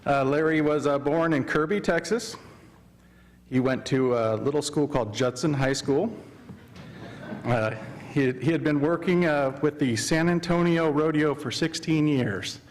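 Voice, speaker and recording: Halting parks manager, higher voice. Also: male voice, a little hiss or hum. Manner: halting, many fillers. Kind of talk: formal introduction at a council meeting.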